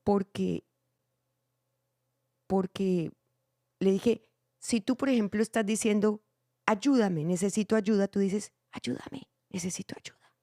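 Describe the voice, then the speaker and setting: Middle-aged woman, podcast host and theater director, gravelly, animated storyteller, dry sound. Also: mid-range voice, slow, pauses often, no echo. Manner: animated, acts out quotes with shifting voices. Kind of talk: casual family podcast chat.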